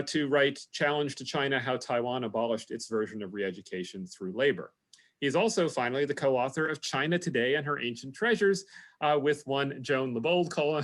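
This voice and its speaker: A man giving a formal introduction for a lecture over a video call, speaking in a measured way with frequent pauses and fillers. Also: mid-range voice, fairly bright tone.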